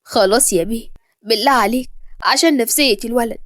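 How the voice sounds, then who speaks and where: A woman's voice: on the high side, fast talker, no echo, studio quality, natural voice. A woman voicing a kindly older nanny with an Egyptian accent, tenderly imploring. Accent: Egyptian Arabic.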